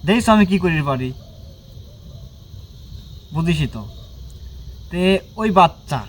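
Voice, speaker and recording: Ghost hunter guy scolding a spirit at night, bossy n repetitive, bit high voiced, faint hiss n crickets. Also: animated, unhurried. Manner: commanding and scolding, repeats short orders. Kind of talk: confronting an unseen spirit during a night ritual. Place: outdoors at a bamboo grove at night.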